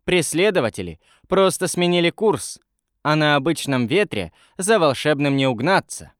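A man voicing a young girl sorceress who speaks softly and thoughtfully, tired but determined. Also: a little high, big pitch swings, normal speed, dry recording, clean studio sound.

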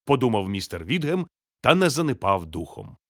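A man narrating a children's storybook in a steady, measured, gently expressive reading. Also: fairly low pitch, background noise.

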